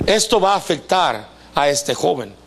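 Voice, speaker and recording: A man's voice: a little high, moderate pace, creaky. A man preaching a live sermon, joking and constantly putting questions to his congregation. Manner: animated and joking, acts out voices; asks the congregation questions often. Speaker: pastor. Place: church service before a congregation.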